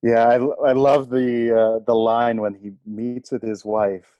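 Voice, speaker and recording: A man co-hosting a podcast in casual analytical discussion, often pausing mid-thought as he works out his point. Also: mid-range voice, flat delivery, no room sound, lo-fi sound. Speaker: podcast co-host.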